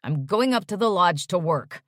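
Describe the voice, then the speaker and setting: A woman's voice: lowish voice, lively intonation, moderate pace, fairly bright tone, no echo, clean studio sound. A woman voicing an uptight young man who answers curtly and mutters when annoyed. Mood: irritated. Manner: curt and muttering.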